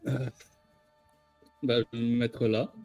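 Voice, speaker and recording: A man's voice: medium pitch, flat delivery, slow pace, warm tone, muffled recording, soft background music. A man chatting casually as a player in a tabletop role-playing game. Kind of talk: casual chat.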